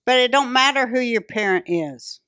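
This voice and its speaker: A woman's voice: a little high, lively intonation, moderate pace, bright, forceful tone, smooth, no room sound, clean studio sound. An older woman hosting a podcast, talking casually in a blunt, profane and opinionated way. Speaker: podcast host.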